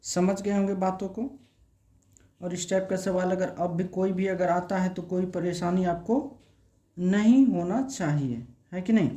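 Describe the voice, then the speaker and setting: Male maths teacher, exam-prep lesson, very slow delivery, repeats words as he writes, rhetorical check questions. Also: high-pitched, warm tone. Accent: Hindi. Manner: slow, repeats words while writing on a board.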